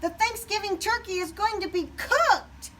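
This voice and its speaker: A woman voicing an excitable, indignant female turkey in a children's storybook, speaking emphatically. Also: very high-pitched, moderate pace, voice pushed up. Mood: urgent. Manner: emphatic, exclaiming.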